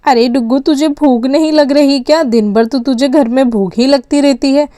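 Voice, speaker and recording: A woman's voice: high voice, normal speed, dark tone, no echo, clean studio sound. A woman narrating a doll story and voicing the mother, in a chatty, motherly, warning tone. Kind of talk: doll story role-play.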